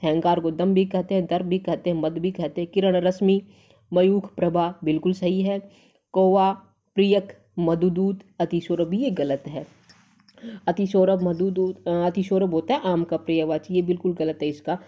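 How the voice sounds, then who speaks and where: A woman's voice: on the low side, fairly even intonation, moderate pace, lo-fi sound. A woman teacher going through exam answers, reading each option aloud and then saying whether it is right or wrong. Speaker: Hindi teacher. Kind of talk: exam answer-key walkthrough.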